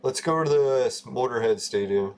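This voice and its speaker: A man's voice: medium pitch, moderate pace, a little mellow. Profane, rambling man in his forties. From Canada. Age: 40s. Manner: loose, profane, laughs at his own stories. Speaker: gaming livestream host. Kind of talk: casual rambling chat.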